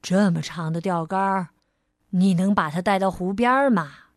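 Casting note: sulky old man in a storybook, a woman doing him, lowered, gruff voice, dry close sound. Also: moderate pace, dry recording, natural voice. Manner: gruff, sulky, short replies. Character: grumpy, gloomy old man. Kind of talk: children's storybook reading.

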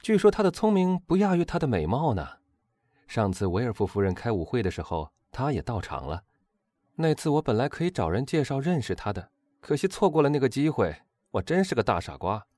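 A man's voice: medium pitch, fairly quick, dry recording, voice pushed up. A man voicing an eager, chatty young Parisian nobleman in an audiobook. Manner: excited, gushing.

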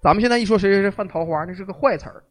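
A man hosting a podcast, telling history as lively, joking, colloquial stories. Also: high-pitched, racing, dry recording. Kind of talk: casual storytelling chat.

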